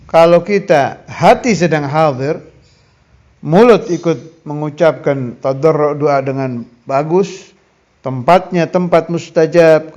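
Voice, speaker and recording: A man's voice: a little high, darkish tone. A man preaching a sermon, earnest and emphatic, weaving in Arabic recitations. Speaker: Islamic preacher. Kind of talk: sermon teaching.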